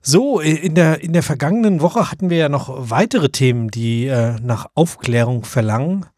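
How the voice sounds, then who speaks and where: A man's voice: fairly high pitch, lively intonation, moderate pace, a little mellow, no echo, clean studio sound. A German man co-hosting a podcast, chatting and teasing his co-host. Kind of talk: casual chat.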